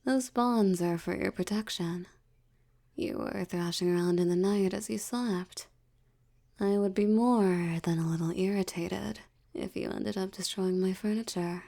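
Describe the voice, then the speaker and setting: In intimate audio roleplay, a woman voices a haughty, predatory female vampire, teasing and condescending in a slow, deliberate, cool and chiding manner. Her fairly low, mellow voice is a breathy murmur that drifts toward a whisper.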